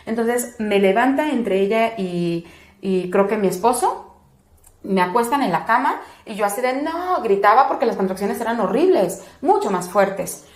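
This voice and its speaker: A woman's voice: medium pitch, normal speed. A woman, a doula and interview guest, recounting a personal experience and acting out the other people's words. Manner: animated, acts out other people's words with a raised voice. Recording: roomy echo.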